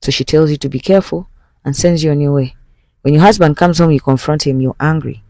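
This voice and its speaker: A woman's voice: low voice, fast talker, mellow, dry recording. Woman retelling a drama, dry close sound. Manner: recounts the story in second person, speaking to the listener. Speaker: podcast host. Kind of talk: casual storytelling.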